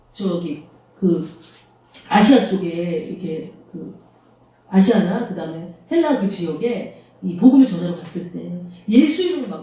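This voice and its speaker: A woman's voice: mid-range voice, warm tone. Echoey woman preaching a sermon. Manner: conversational preaching with rhetorical questions. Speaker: pastor. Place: small church hall. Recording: very echoey room, voice from far off.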